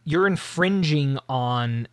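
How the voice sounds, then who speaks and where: A man hosting a casual podcast chat, animated and rambling, often restarting his sentences. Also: a little high, slow pace, dry recording. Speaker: host.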